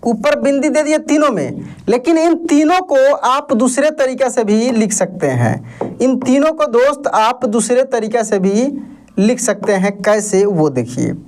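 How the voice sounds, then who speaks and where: A man's voice: very high voice, lively intonation, a little slow, slight background noise. A man teaching an online lesson, patiently asking questions and answering them himself while reassuring learners. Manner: reassuring, tells learners not to worry. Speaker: Hindi teacher.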